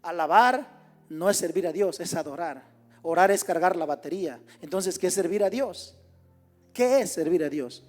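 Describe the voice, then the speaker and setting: A man preaching a sermon in a church, asking rhetorical questions and swinging between loud emphasis and soft, low asides. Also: animated, normal speed, soft background music.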